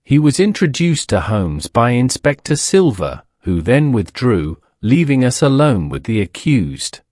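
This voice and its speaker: A man narrating a detective story in a measured, scripted storytelling manner. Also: mid-range voice, sing-song, darkish tone, no echo, studio quality.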